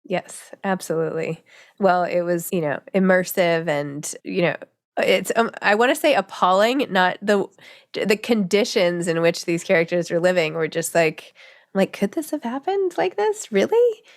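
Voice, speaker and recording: A middle-aged woman hosting an interview, chatty and rambling with quick asides. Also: on the low side, expressive. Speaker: podcast host. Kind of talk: conversational interview.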